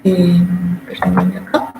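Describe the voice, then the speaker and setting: A woman's voice: slow, mellow, a little hiss or hum. Woman explaining in a roomy space. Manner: explanatory, acts out everyday examples. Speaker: speaker on patient communication. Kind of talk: informal lecture. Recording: roomy echo, faint background ambience.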